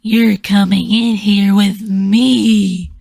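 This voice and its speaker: Lady doing a creepy masked kidnapper lady, slow growly snarl, super gravelly. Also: medium pitch, steady tone, warm tone, no room sound, exaggerated voice. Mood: menacing. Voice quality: growling, barely human.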